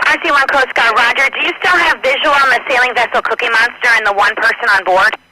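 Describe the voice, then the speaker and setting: A man's voice: very high-pitched, fast talker, bright, forceful tone. A man working as a coast guard radio operator, speaking in radio procedure over a crackly military radio. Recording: crackly, noisy VHF radio transmission.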